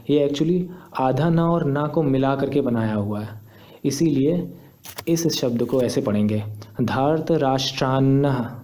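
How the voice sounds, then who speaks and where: Patient young man, mellow voice. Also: mid-range voice. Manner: patient, step-by-step, repeats points. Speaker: teacher. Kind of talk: explaining on a screen tutorial.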